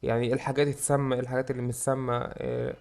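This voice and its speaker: A young man with an Egyptian Arabic accent, giving excitable let's-play commentary and joking about how scared he is. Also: medium pitch, very fast, gravelly. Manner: excitable, jokes about his own fear. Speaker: gaming YouTuber.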